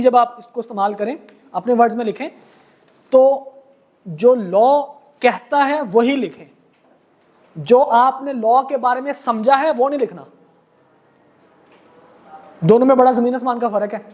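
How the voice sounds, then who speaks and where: A man with a Pakistani accent giving a law lecture to students, explaining step by step and reading case text slowly. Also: very high voice. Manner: addresses students as beta and janab. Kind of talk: classroom lecture.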